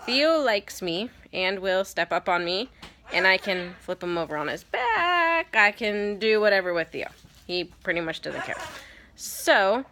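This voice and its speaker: The parrot owner's stuffy, cold-affected voice is medium-pitched, bright and forceful, with a little hiss or hum in the recording. She gives a casual how-to on parrot training in a rambling way, saying um often and correcting herself.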